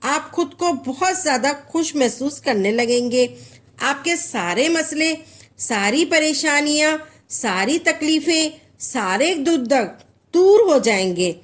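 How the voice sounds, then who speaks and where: A woman with a high, lively voice speaks slowly and deliberately as a religious instructor. She walks the listener through a devotional practice step by step, repeating each instruction, and recites Arabic verses with a wide, lilting rise and fall.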